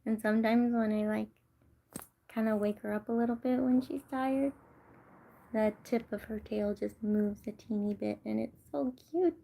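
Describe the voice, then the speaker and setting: A young woman from California chatting casually with her livestream viewers, soft-spoken and often slipping into whispers. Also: a little high, steady tone, normal speed, vocal fry. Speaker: livestream host.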